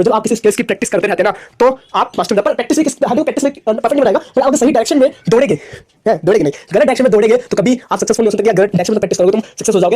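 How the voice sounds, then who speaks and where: Brief: young male lecturer, very rapid delivery, repeats himself, constantly checks in with the class. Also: extremely high pitch, dark tone. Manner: rapid, repetitive, asks "theek hai?" often. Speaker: commerce lecturer. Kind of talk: casual Hinglish classroom lecture.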